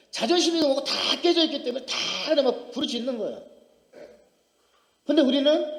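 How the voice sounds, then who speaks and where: High, lively male pastor in echoing church. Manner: personal testimony, conversational and emphatic. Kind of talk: sermon. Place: small church sanctuary. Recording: roomy church hall reverb.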